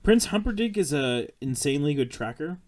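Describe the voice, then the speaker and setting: A man's voice: on the high side, big pitch swings, fairly quick, noisy background. A man hosting a podcast, chatting casually about a film, rambling with lots of fillers, restarts and swearing. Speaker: podcast host.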